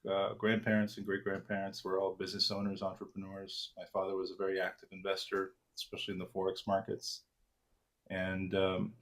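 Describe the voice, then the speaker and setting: A trader in his forties, originally from Argentina, speaks in a lowish voice as an interview guest. He answers the questions in a relaxed, self-deprecating manner, full of fillers and restarts.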